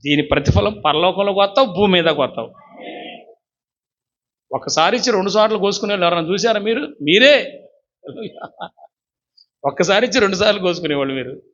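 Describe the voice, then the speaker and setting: A man's voice: sits high, fairly quick, pauses often, fairly bright tone. A man preaching a sermon as pastor, fervently urging the congregation to repeat his words. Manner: fervent, urges congregation to repeat after him. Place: church service. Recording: dull lo-fi recording.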